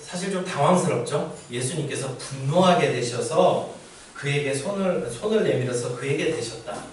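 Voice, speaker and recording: A man's voice: medium pitch, lively intonation, moderate pace, a little hiss or hum. A man preaching a sermon as pastor, speaking conversationally and asking the congregation rhetorical questions. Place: church sanctuary. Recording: very echoey church hall from far off.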